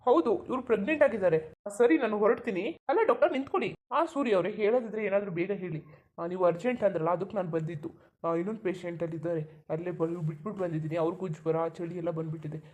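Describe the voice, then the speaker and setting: A woman's voice: fairly low pitch, racing, darkish tone, close to an everyday voice. A woman voicing a firm, matter-of-fact doctor who reproaches the family for a cartoon. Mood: brisk. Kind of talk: cartoon voice acting.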